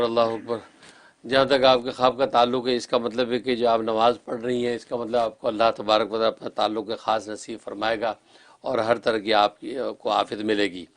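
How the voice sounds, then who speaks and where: A man interpreting callers' dreams on a religious call-in show, calm and advising in a set, formulaic way. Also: lowish voice.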